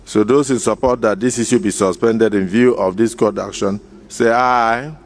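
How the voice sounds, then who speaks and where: Low-voiced Nigerian man presiding over parliament. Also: steady tone, moderate pace. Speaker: presiding officer of the Senate. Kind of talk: procedural chairing. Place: legislative chamber.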